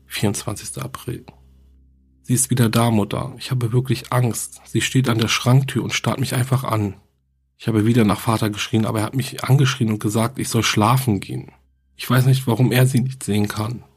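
A man reading as a lonely young girl who writes her diary to her dead mother, in a plain, quiet horror story reading. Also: mid-range voice, slightly rough.

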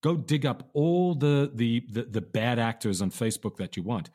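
A man's voice: medium pitch, expressive, normal speed, a little mellow. A man, a documentary filmmaker guest, making his points emphatically and repeating words for stress. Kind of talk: interview answer.

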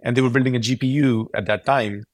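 A man's voice: medium pitch, steady tone, fast, no echo. A man in his forties from Pakistan, giving earnest, explanatory answers as a podcast guest. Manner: earnest, explanatory, with frequent restarts. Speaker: tech company founder, guest.

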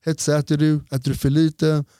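A man's voice: fairly high pitch, flat delivery, dark tone, smooth, no echo, studio quality. A man who is a doctor, explaining health topics in a casual podcast conversation and laying out his points one by one. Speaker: doctor guest.

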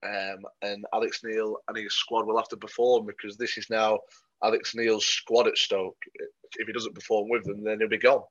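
A man's voice: on the low side, level tone, moderate pace, a bit bright. A man co-hosting a football podcast, giving matter-of-fact opinions in a dry way with plenty of ums. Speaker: podcast co-host. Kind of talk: casual football podcast chat. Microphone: podcast microphone. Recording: muffled lo-fi sound.

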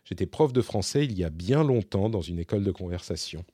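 A man's voice: low voice, lively intonation, fairly quick, mellow, slightly rough, dry recording, studio quality. A man hosting a casual question-and-answer session, talking in a rambling way with many fillers and restarts. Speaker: host. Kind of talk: casual Q&A monologue.

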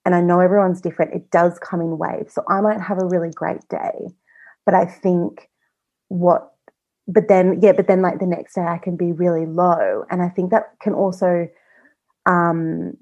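Woman podcast guest, lowish voice, casual and chatty, lots of fillers; slightly muffled lo-fi audio. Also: fairly even intonation, normal speed, darkish tone. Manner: chatty, many fillers and self-quotes. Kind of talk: casual personal interview.

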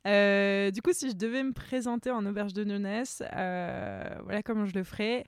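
A woman's voice: medium pitch, steady tone, moderate pace, smooth, no room sound, studio quality. A woman from France, a photographer, chatting easily as a podcast guest with a self-deprecating manner and many hesitations. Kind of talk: casual interview chat. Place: podcast studio. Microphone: studio microphone.

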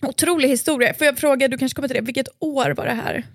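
A woman co-hosts a podcast in a chatty, reactive way. Her voice sits high. She is recorded close and dry in a studio. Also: fairly even intonation, no echo. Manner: chatty, reacts with quick remarks. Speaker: podcast co-host. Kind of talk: casual chat. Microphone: studio microphone.

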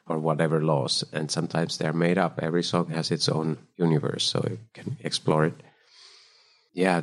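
A Finnish man, a founder and composer, telling his story in a thoughtful, measured way in a relaxed interview. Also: very deep voice, gravelly. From Finland. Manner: thoughtful, measured, loose phrasing. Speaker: guest, startup founder and composer. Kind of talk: casual interview chat.

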